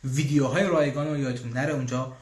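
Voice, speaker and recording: A man hosting a casual live question-and-answer session for his language school, chatty, pausing often with fillers and restarts. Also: medium pitch, steady tone, roomy sound. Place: room in Austria, church bells heard.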